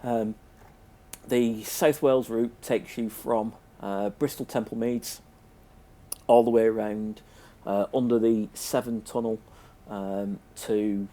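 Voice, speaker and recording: A man's voice: lowish voice, fairly even intonation, takes it slowly, dark tone. A British man with a sniffly, congested cold, giving a casual, hesitant, unscripted review as a presenter. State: has a cold. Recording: noticeable background noise.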